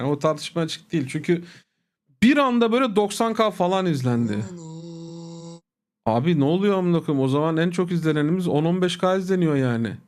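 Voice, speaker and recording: Streaming live, a high-pitched man with a somewhat mellow voice vents at his audience in a casual rant. He's irritated, curses freely, speaks bluntly and addresses them familiarly as "abi" and "agalar."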